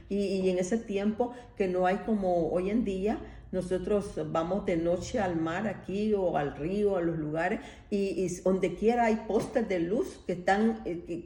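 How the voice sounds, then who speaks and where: Warm-voiced woman preaching in an echoey room. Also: mid-range voice. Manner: conversational preaching, often checks in with a questioning tag. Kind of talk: sermon.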